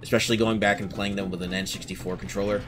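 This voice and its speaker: A man with a lowish voice gives relaxed, chatty commentary while playing a video game, thinking out loud as he goes. The game's music plays clearly underneath him. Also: fast. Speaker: let's play host. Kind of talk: casual gameplay commentary.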